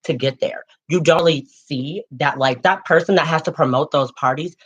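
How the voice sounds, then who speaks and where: A man's voice: on the high side, moderate pace, a bit bright, slightly rough. A man in his late twenties co-hosting a casual chat, sassy and dramatic, calling listeners girl and honey. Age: late 20s. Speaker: co-host. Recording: dull lo-fi sound.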